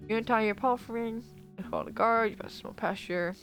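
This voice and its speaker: Brief: streamer narrating a text RPG, mid-pitched, faint guitar bed. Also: brisk, fairly bright tone. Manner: stumbling reads with self-corrections. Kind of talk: reading a text game aloud.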